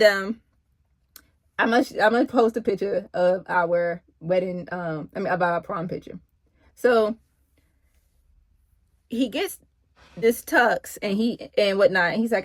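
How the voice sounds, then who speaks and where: A middle-aged woman casually telling a personal story in an animated, chatty way. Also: mid-range voice, measured pace, long pauses, no echo. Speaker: vlogger.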